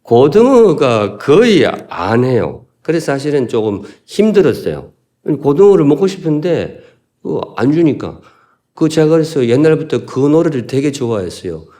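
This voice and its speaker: A man's voice: a little high, big pitch swings, normal speed, mellow. A male pastor from Gyeongsan, South Korea, preaching a sermon in a folksy, humorous way and asking the congregation questions. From Gyeongsan, North Gyeongsang, South Korea.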